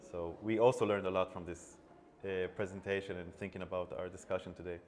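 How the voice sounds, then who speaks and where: A man from Israel, an animation studio co-founder, speaking on a panel in a measured way that trails off softly at phrase ends. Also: deep voice, little pitch movement. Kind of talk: panel talk. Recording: long hall reverb, faint background noise.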